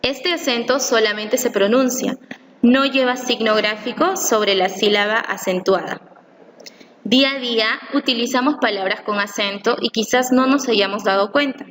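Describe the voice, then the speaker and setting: A woman reading a scripted lesson aloud, slowly and carefully, stressing each syllable she explains. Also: a little high, a bit bright. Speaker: teacher. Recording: long reverb, faint room noise.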